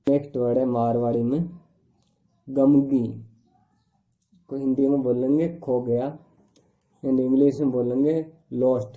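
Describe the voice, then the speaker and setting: A man teaching a vocabulary lesson word by word, giving each word's meaning in plain, repetitive phrases. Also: medium pitch. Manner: slow, repetitive listing of words with translations. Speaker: language teacher. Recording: tinny phone-like recording.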